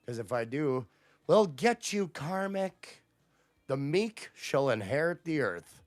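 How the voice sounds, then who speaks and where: A man's voice: fairly high pitch, sing-song, slow pace, no echo. A man hosting a livestream, ranting at his chat in a profane, combative way. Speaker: livestream host. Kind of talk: casual livestream rant to chat.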